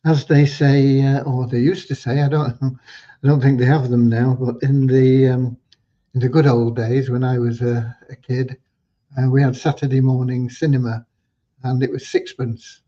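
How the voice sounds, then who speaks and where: An older man hosting a livestream Q&A with a prayer, talking at an unhurried pace with frequent ums and restarts. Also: medium pitch, level tone, dark tone. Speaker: host of a community livestream. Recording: dull lo-fi livestream audio.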